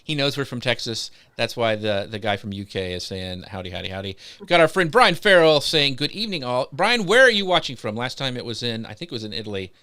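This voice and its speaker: A man's voice: mid-range voice, lively intonation, brisk, hardly any pauses, sharp tone, clean tone. A man hosting a live social media show, upbeat, greeting guests and reading out viewer comments. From United States.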